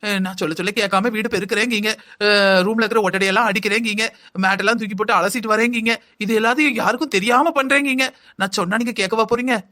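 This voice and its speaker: A man's voice: high voice, steady tone, fast talker, bright, forceful tone. A man voicing a lazy, scheming young wife in a cartoon, whining and complaining in long sing-song lists. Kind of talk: cartoon voice acting.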